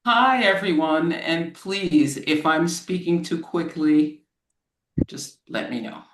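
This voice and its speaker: An American woman from Florida, a lawyer speaking as a guest and explaining things slowly and plainly for English learners over a video call. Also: sits low, reverberant, poor audio. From Florida, United States. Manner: measured, explains terms plainly.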